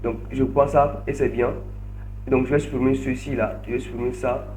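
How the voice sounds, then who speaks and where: A man's voice: mid-range voice, level tone, normal speed, darkish tone, faint music behind. Man talking through screen-share tutorial. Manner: narrates each click step by step, repeats words. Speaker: online course trainer.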